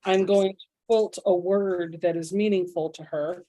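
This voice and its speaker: Woman plainly walking through her quilt plan, lowish voice, dry close sound. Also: fairly even intonation, measured pace, warm tone, no room sound, poor audio. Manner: matter-of-fact, explains her quilting plans. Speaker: quilter co-host. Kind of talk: casual chat.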